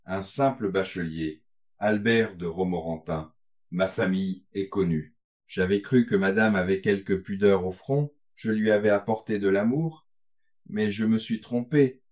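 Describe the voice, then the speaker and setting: A man's voice: on the low side, a little mellow. A man reading a classic tale aloud, theatrical and ironic in the dialogue. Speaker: narrator.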